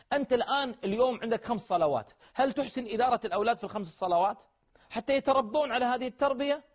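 A man gives earnest family advice as a radio show host, speaking straight to the listeners. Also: high voice. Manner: earnest, exhortative, addresses listeners directly. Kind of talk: preaching-style family advice talk. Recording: husky voice over a tinny phone-like line.

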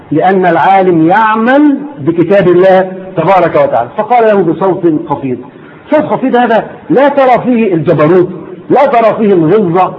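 A man with an Egyptian accent giving an Islamic lesson to a class, repeating his points and firing rhetorical questions at his listeners. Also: high voice. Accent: Egyptian Arabic. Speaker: religious teacher. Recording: dull lo-fi recording, faint noise.

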